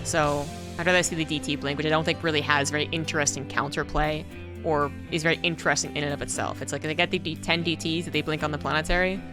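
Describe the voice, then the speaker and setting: A woman's voice: low-pitched, fairly even intonation, fast, over music. A woman commenting on an esports match, talking through her views in a thoughtful, casual way with many fillers. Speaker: esports caster. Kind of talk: casual game commentary and analysis.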